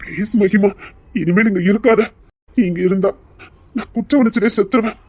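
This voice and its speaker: A man's voice: high-pitched, brisk, darkish tone, no room sound. Man playing a remorseful, pleading husband. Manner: earnest, pleading, sorrowful. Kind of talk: Tamil audio story acting.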